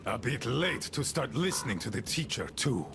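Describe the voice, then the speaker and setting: In a video game, an embittered, crippled male outpost leader rants with mocking scorn, his gravelly, rough voice swinging up and down in pitch with lively intonation as he drags his words out slowly. Clear ambient game noise hums in the background.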